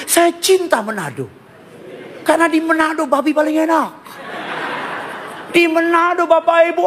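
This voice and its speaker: A male pastor with a notably high voice delivers a lively, joking sermon, drawing the congregation into call-and-response. He drops English phrases in among his preaching. The sound rings with the long reverb of a large church sanctuary. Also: a little hiss or hum.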